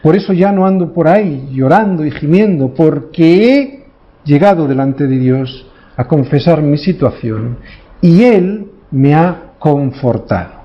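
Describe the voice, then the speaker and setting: A male pastor with a fairly high voice delivers a sermon, driving each point home and checking in with quick tag questions. The recording is dull and slightly lo-fi. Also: animated.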